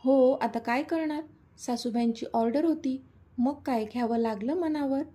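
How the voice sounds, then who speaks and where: A woman's voice: high voice, moderate pace, dark tone. A woman voicing an emotional, stubborn young woman who pleads insistently, in a storybook reading. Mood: joking.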